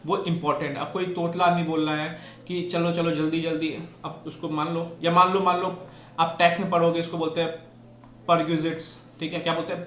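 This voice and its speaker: A man's voice: fairly high pitch, a bit bright. A man teaching an exam-prep lecture, mixing Hindi and English and asking and answering his own questions. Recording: echoey room with faint noise.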